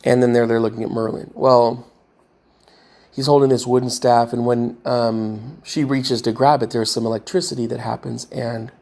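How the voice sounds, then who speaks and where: Guy with a gravelly voice rambling on, lots of ums, keeps stopping and restarting. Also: medium pitch, little pitch movement, darkish tone. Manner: halting, many fillers and restarts, trying to recall. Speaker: vlogger retelling a movie rewrite. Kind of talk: rambling casual monologue.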